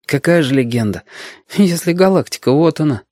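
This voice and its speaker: A man's voice: on the high side, lively intonation, moderate pace, dark tone, no room sound, clean studio sound, voice pushed up. A man reading a story aloud and voicing an eager sixth-grade boy who patiently explains things to a girl. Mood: eager, explaining.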